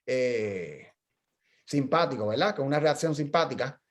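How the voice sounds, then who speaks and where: A man's voice: medium pitch, lively intonation, unhurried. A middle-aged man, a physical therapist, talking casually in a journal club discussion and telling stories with frequent restarts. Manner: chatty storyteller, explains with frequent restarts.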